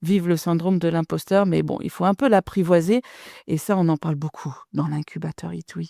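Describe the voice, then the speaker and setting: A woman's voice: on the low side, steady tone, a little fast, gravelly, warm tone, dry recording, studio quality. A middle-aged woman business coach talking to listeners in a direct, chatty podcast monologue.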